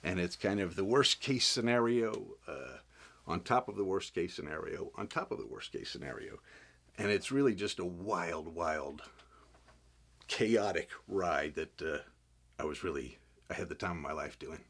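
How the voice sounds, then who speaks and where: A man's voice: deep voice, lively intonation, normal speed, fairly bright tone. A man being interviewed as an actor, telling a profane anecdote animatedly and acting out the other people's voices.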